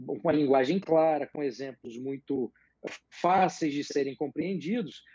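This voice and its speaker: A man explaining political ideas as a guest in a live interview, measured and hesitant, with many fillers. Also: on the high side, dark tone, slightly rough, dry recording, lo-fi sound.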